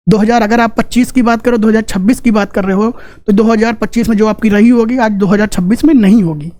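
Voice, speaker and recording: A man's voice: extremely high pitch, darkish tone. A man teaching a casual exam-prep class with memory tricks, joking, chatty and repeating key points. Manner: joking, chatty, asks rhetorical questions.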